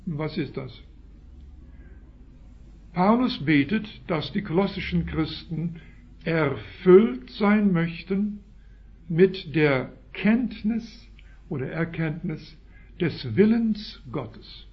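A man with a Swiss German accent preaching a sermon, stressing key words with sudden loud rises and then dropping to quiet asides. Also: fairly high pitch, animated, slow, pauses often. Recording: dull lo-fi recording.

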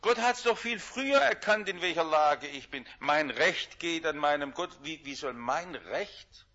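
A man preaching a sermon, shifting between loud emphatic lines and hushed quiet ones. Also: a little high, animated, measured pace, dull audio.

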